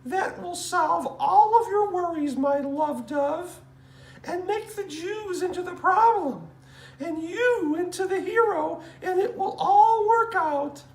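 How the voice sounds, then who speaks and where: Woman putting on a sugary high-pitched doting wife. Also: takes it slowly, a little mellow, roomy sound, full character voice. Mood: cooing. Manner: cooing, sing-song scheming.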